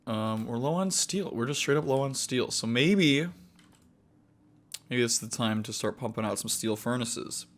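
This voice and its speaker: Rambling young man with halting fillers. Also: mid-range voice, expressive. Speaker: gaming video host. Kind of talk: casual gameplay commentary.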